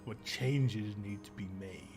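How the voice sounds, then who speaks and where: A man voicing a stern royal father who speaks in a grave, measured way in a tabletop game. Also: on the low side, over music, lightly acted.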